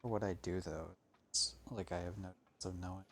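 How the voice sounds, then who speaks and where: A man's voice: sits low, steady tone, fairly quick, a bit bright, slight background noise. A man streaming a game, thinking aloud and grumbling with frequent swearing. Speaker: gaming streamer. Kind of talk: casual gameplay commentary.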